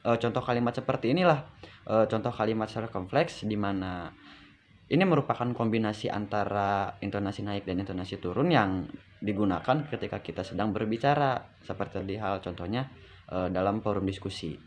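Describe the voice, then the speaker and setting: Low-voiced man explaining a lesson. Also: a little fast, slight background noise. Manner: conversational explaining with frequent fillers. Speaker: student presenter. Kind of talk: explaining in a class presentation.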